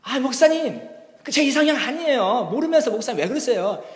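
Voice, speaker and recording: A man's voice: very high-pitched, sing-song, rapid-fire, a bit bright, voice pushed up, heavily acted. A male pastor voicing a stubborn young woman who protests in a raised voice, in a reverberant church hall. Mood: protesting.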